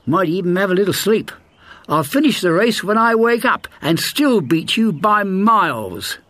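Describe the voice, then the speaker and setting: A man's voice: high-pitched, animated, moderate pace, fairly bright tone, no echo, pitched above the performer's own voice. A man putting on a cocky, boastful hare. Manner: brash, bragging. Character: boastful young male hare, cocky and loud.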